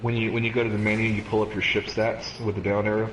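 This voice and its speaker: A man in his thirties from the Cayman Islands, raised in America, hosts a casual gaming stream chat, rambling and repeating words as he thinks aloud. His voice is lowish, level and fairly bright, and he talks fast. The recording is roomy, with a distant mic and faint noise.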